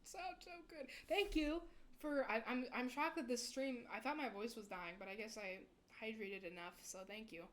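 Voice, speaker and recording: A woman's voice: on the high side, normal speed. A young woman VTuber chatting casually with her stream viewers, rambling and giggling often.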